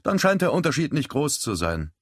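A man's voice: medium pitch, sing-song, normal speed, breathy edge, no echo, clean studio sound, pitched above the performer's own voice. A man voicing a cheeky teenage deckhand. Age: teen. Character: skinny teenage boy sailor, cheeky, touchy.

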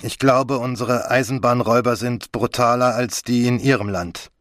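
An excitable French police commissioner, as a man puts him on in an audiobook. His voice sits well above the reader's own and pushes forward, effusive and fussy. The recording is close and dry. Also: medium pitch, normal speed, no echo, voice pushed up, lightly acted. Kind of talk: audiobook character voice.

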